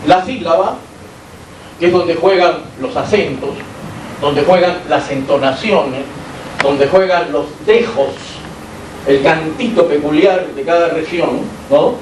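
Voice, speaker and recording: Man, Peruvian Spanish accent, university lecturer, explanatory, asks rhetorical questions, raised pitch, distant mic. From Peru. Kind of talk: academic lecture. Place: lecture hall. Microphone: amplified by a sound system, recorded from the room. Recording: echoey hall, distant mic, faint hiss.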